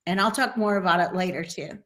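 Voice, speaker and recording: A woman's voice: on the low side, quick pace, fairly bright tone. A woman who owns a travel agency, speaking earnestly as a guest in a casual video interview.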